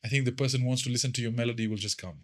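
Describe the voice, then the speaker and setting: A man's voice: mid-range voice, very fast. A man hosting a podcast, earnest, often repeating words as he starts a thought. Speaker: podcast host. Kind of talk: casual podcast chat.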